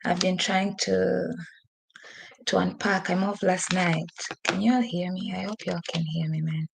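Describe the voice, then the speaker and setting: A woman's lowish, gravelly voice comes through a computer microphone at normal speed with little pitch movement, over background noise. She's a podcast host running a casual live stream at a window-side desk in a home she has just moved into. Rambling and chatty, she laughs often and says she's losing her voice.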